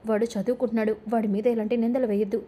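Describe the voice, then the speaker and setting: A woman's voice: a little high, little pitch movement, rapid-fire, warm tone, natural voice. A woman voicing a hurt young wife who earnestly protests in defense of her family. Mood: protesting.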